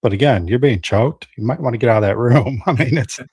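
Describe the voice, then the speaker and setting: A man's voice: mid-range voice, a little fast, slightly rough, no room sound, clean studio sound. A man hosting a paranormal podcast, chatting casually with his guest and reading out comments from listeners. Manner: relaxed, reads out chat comments. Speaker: podcast host. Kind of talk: casual interview.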